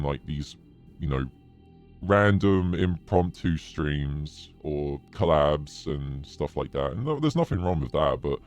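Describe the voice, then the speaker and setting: A man streaming casually through a demonic voice changer, sounding possessed while chatting in an everyday way. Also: a little mellow. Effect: demonic deep voice changer. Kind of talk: casual livestream chat.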